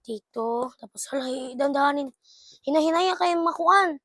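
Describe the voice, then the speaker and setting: The voice is a young woman's, high-pitched and moderately paced, with no room sound. She's doing a casual unboxing vlog, excitably exclaiming and mixing local talk with English.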